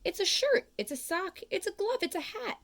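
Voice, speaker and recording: A woman voicing a grumpy, secretive old hermit man with a lowered, hushed voice, read from a storybook. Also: animated, moderate pace, vocal fry, full character voice. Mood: eager, salesy.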